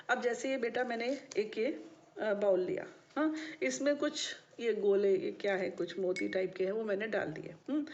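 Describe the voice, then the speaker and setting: A woman with a fairly high voice teaches maths in a classroom lecture, frequently making sure her students follow along. Slight background noise is present, and the recording sounds dull and lo-fi.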